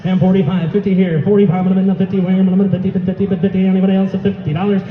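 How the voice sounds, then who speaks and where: A man working as auctioneer, calling bids in a rapid rhythmic chant full of repeated numbers. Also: sits high, little pitch movement, roomy sound, in a large hall, phone-quality sound, a little hiss or hum. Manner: rhythmic repetitive bid calling. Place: auction hall.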